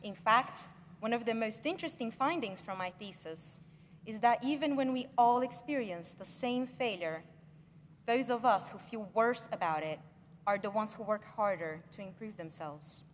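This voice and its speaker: A young woman from Brazil gives an earnest, measured commencement speech as graduate speaker, leaning on key words. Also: fairly high pitch. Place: large ceremony hall. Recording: echoey hall with faint ambient noise.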